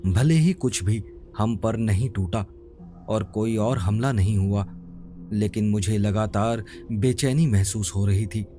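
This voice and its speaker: Slow, dark-voiced male horror narrator. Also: on the low side, faint music behind. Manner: slow, grave, suspenseful. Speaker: storyteller. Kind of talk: scripted horror story narration.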